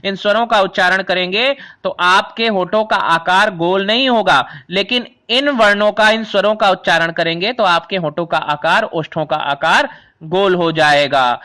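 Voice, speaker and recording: High, bright-voiced Hindi grammar teacher. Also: male voice, moderate pace. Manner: explains patiently, repeating and rephrasing terms; addresses students as children. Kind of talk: classroom lesson explaining vowels.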